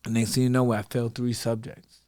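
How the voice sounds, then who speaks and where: A man's voice: mid-range voice, a little fast. A man, telling stories as a podcast guest and acting out the voices of people in them. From Brooklyn, New York. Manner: animated, acts out his father's voice. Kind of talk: casual storytelling.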